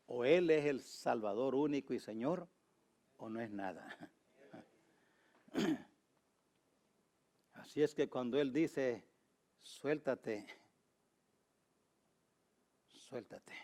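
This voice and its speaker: A male pastor preaching a sermon. He speaks emphatically, repeats key phrases and tells anecdotes, moving from loud, high exhortation to low, quiet asides. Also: lively intonation, slow, long pauses. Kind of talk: Spanish-language sermon.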